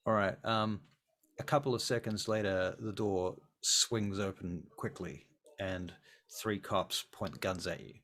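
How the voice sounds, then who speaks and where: A man's voice: low voice, a little slow, a bit bright. A man narrating a tabletop game as game master, describing scenes with frequent ums. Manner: descriptive, with many filler ums.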